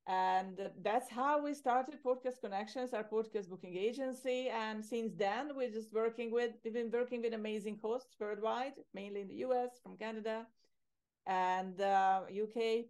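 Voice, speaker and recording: Middle-aged woman from Hungary; relaxed, chatty guest who laughs and loops back mid-sentence. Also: a little high, moderate pace. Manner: chatty, laughs easily, often restarts phrases. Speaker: podcast guest, agency owner. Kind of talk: casual interview conversation.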